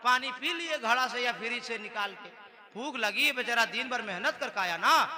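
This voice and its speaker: Male preacher, sermon, very high pitch, piercing bright tone, shouts and banters. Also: animated, normal speed, long reverb tail. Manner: impassioned, shouting, bantering with the crowd.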